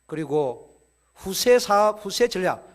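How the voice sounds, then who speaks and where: A man preaches to a church audience in an animated, playful lecture style. His voice sits high and swoops widely. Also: slow. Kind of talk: lively sermon-style lecture.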